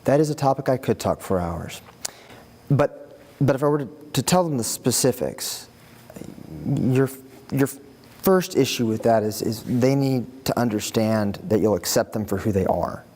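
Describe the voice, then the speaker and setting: A man, an educator answering interview questions and telling stories in an earnest, husky voice that often repeats words as he gets going. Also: mid-range voice, animated, moderate pace, mellow. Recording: reverberant room.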